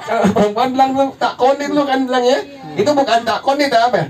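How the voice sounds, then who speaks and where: A man's voice: very high-pitched, fast. A man teaching an evening Quran recitation lesson. He jokes and keeps quizzing his listeners with questions they answer together. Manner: jokey, quizzes the audience with call-and-response questions. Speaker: Islamic religious teacher. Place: study hall with a gathered congregation. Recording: congregation calling out answers in background.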